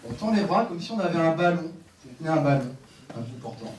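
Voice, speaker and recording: Lively man leading a lecture hall. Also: on the high side, quick pace. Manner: lively, directive, joking with audience. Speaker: sports conference speaker. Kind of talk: live lecture with audience exercises. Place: conference room with audience. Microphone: headset microphone. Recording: echoey room, voice from a distance, faint room noise.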